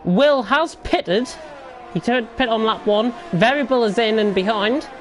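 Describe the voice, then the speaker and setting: A woman works as a motorsport commentator, calling a race live as it unfolds. Her voice sits high. There is clear noise behind her throughout. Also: animated, a little slow.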